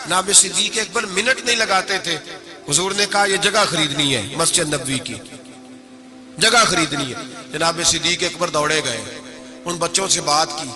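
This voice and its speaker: A man from Pakistan preaching a sermon, telling a story with dramatic delivery. He acts out quoted dialogue with his voice and recites poetry slowly. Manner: dramatic, shifts pitch to act out quoted dialogue. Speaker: Islamic preacher.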